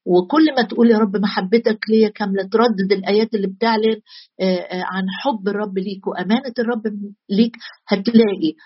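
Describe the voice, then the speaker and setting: A woman preacher with an Egyptian Arabic accent, delivering an earnest, exhorting sermon with drawn-out fillers. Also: mid-range voice, fairly even intonation, slightly rough, lo-fi sound.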